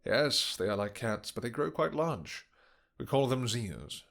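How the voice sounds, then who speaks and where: A man playing a possessive, doting vampire king in a romantic fantasy roleplay, speaking in courtly, old-fashioned phrases with hesitant pauses and endearments. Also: medium pitch, sing-song, creaky, fairly bright tone, faint music behind, full character voice. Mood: proud. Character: doting, possessive, vengeful male vampire king with horns and wings.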